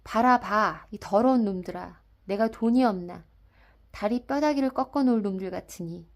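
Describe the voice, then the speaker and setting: A woman voicing a drunken, boastful middle-aged rickshaw puller who shouts roughly at everyone in an audiobook of a classic story. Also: mid-range voice, a little slow, close to an everyday voice. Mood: drunken rage. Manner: loud, rough, blustering shouts. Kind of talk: dramatic audiobook reading.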